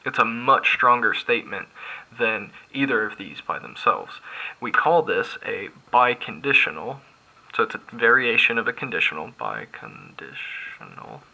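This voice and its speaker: Male math instructor, lower-pitched, crisp bright voice, talks through ideas with restarts. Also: very animated, moderate pace, rough recording. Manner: thinking aloud, restarts, filler-heavy. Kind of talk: recorded lecture at a board.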